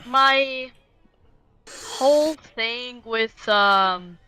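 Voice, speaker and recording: Bright-voiced young woman rambling. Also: fairly high pitch, drawn-out words, smooth, faint music behind. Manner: excitable, rambling. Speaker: voice actor. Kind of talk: casual group chat.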